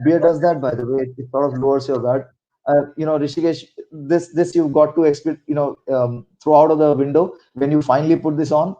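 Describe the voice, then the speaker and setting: Middle aged indian guy, marathi accent, kinda high mellow voice, telling work stories and giving advice. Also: fairly even intonation, brisk, low-quality recording. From Maharashtra, India. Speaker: interview guest, senior corporate executive. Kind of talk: conversational career advice with anecdotes.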